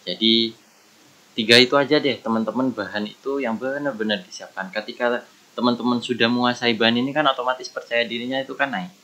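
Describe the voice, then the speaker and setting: A man's voice: medium pitch, steady tone, a little fast, bright, forceful tone, muffled recording. A man gives casual career advice as a podcast guest, earnest and meandering, often restarting his sentences.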